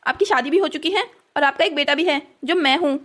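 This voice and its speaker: A woman's voice: high voice, fairly quick, a bit bright. A woman voicing an upset teenage son in a cartoon story, urgent and pleading.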